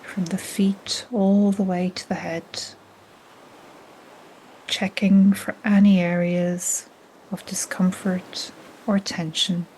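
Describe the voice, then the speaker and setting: A yoga nidra guide leads a meditation very slowly in a mellow, breathy, soothing middle-pitched voice that often sinks toward a whisper. The rough recording carries steady soft noise of gentle ocean waves behind her.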